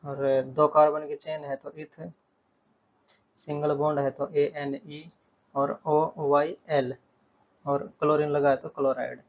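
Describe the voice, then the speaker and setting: A man's voice: on the high side, flat delivery, takes it slowly, lo-fi sound. A male chemistry tutor explaining a lesson at a board, steadily repeating terms and counting aloud.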